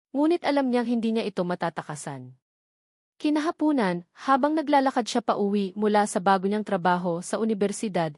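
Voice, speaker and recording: A woman with a Filipino accent narrates a scripted, dramatic love story for an audio series. Her voice is medium-pitched and a little mellow, recorded at studio quality with no echo.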